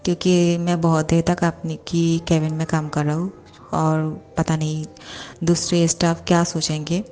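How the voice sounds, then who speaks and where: A woman's voice: sits low, completely flat delivery, moderate pace, warm tone, lightly acted. A woman voicing a shy young male secretary who speaks politely and anxiously to his boss.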